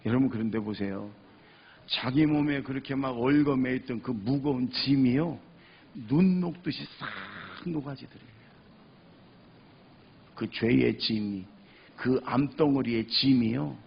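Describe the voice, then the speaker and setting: A male pastor preaching a passionate sermon, swinging between loud cries and hushed speech and repeating phrases for emphasis. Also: medium pitch, unhurried, vocal fry, pauses often, husky, dull audio.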